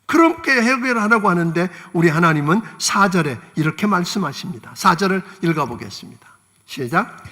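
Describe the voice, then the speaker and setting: A man's voice: sits high, expressive, fairly quick, sharp tone, in a large hall. A male pastor preaching a sermon, asking the congregation for amens and acting out quoted lines. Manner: preaching with call-and-response amens and dramatized quotes. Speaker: senior pastor. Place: church sanctuary.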